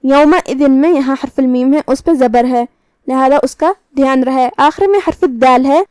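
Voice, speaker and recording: A woman with a high voice teaches Quran recitation, reciting each verse slowly and then explaining how every letter is pronounced. Her delivery is measured and methodical. The sound is dry and close, with no room echo. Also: a little mellow. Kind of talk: tajweed lesson with slow recitation.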